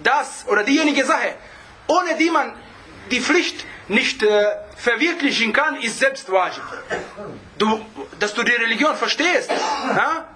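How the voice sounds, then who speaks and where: A man giving an informal religious talk, sprinkling in Arabic phrases, often checking in with a quick question and chuckling as he explains. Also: extremely high pitch, animated, noisy background. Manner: peppers speech with Arabic phrases and asks "ja?" often; chuckles while explaining, restarts words. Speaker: religious lecturer.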